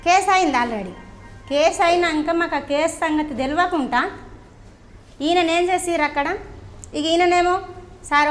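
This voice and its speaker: A woman with a Telangana accent giving an earnest, pleading account in an interview, often addressing the interviewer as sir. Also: sits high. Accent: Telangana Telugu. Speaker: crime victim's wife interviewed. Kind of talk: emotional first-person account.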